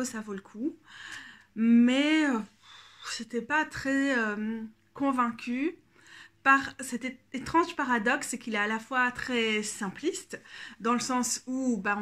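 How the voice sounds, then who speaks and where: A woman's voice: fairly high pitch, fairly bright tone. A French-speaking woman with a bad cold, chatting casually in a tarot deck review, hesitant with many fillers.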